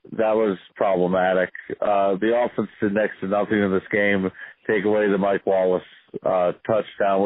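A man giving measured, critical sports analysis as a guest on a podcast. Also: low voice, dry recording. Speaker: guest contributor. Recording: dry, tinny phone-like line.

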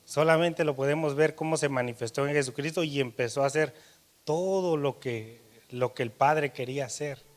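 A man preaching a sermon, telling a personal story, his voice rising louder and dropping soft. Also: on the high side, moderate pace.

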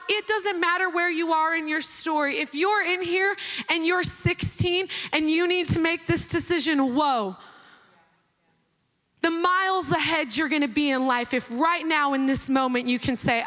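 High-voiced woman preaching in a hall. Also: normal speed. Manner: passionate, swings from excited to hushed. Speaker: conference speaker. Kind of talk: sermon. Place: conference hall. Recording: large hall reverb.

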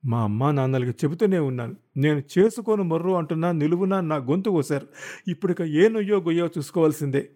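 A furious, jealous young wife, as a male narrator puts her on in a storybook reading, her voice pushed high above his own. She wails and throws shrill accusations, with a mellow, soft-edged tone underneath. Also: animated, fast, natural voice. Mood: accusing, wailing. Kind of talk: audiobook character voice.

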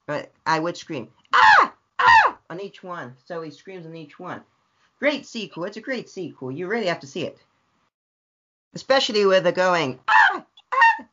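A man's voice: high-pitched, normal speed. A man guesting on a podcast over a video call, talking energetically and repeating himself. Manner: energetic, repetitive, bursts into loud yelps. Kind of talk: casual review chat. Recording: dull lo-fi call audio.

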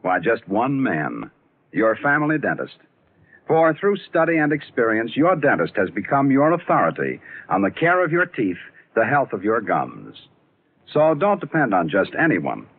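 A man's voice: medium pitch, wildly swooping pitch, moderate pace, breathy edge. A male announcer doing dramatic, persuasive 1940s radio announcing and ad copy. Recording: tinny 1940s radio broadcast.

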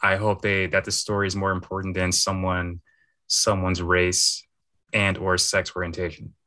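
A man co-hosting a podcast, giving slow, halting opinions with repeated words in casual chat. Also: low-pitched, completely flat delivery, sharp tone, no echo. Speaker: podcast co-host.

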